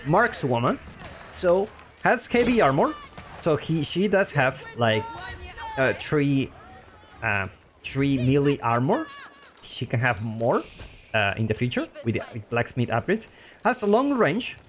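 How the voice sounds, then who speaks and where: A man's voice: medium pitch, sing-song, measured pace, soft background music. A man with a Spanish accent, a native Spanish speaker, casting a strategy game match live and repeating his own phrases as he talks. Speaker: game caster.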